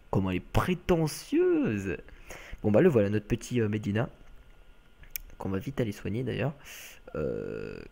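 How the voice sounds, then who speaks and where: A man's voice: fairly low pitch, a little mellow. A young man from France giving chatty, casual let's-play commentary, full of fillers and asides to viewers.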